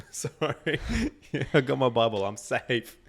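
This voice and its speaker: A man with a gravelly, creaky voice banters with his co-host on a podcast. He jokes, laughs and swears freely, and his pitch sits in a plain middle range. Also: very animated, slow. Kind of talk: casual banter.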